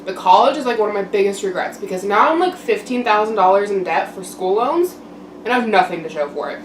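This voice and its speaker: A young adult woman giving a casual, candid personal monologue to camera in a reflective, halting way with frequent pauses. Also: mid-range voice, animated. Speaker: mukbang vlogger. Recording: roomy echo, distant mic, background noise.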